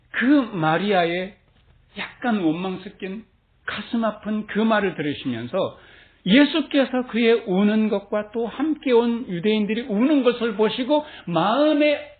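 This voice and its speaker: Animated male pastor, tinny recording. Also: sits high. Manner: animated storytelling, laughing often. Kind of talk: sermon.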